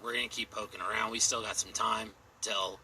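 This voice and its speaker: A gruff, gravelly man with a chest cold, rambling and joking as a player at a tabletop game. He sounds distant from the mic, under a loud hiss of noise. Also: fairly low pitch, steady tone, brisk.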